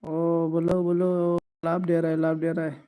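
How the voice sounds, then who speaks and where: A man with a high voice chats casually on a live stream, taking his time over each word. He greets viewers one by one and teases them playfully as he reads out their comments. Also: completely flat delivery, unhurried, mellow, clean tone.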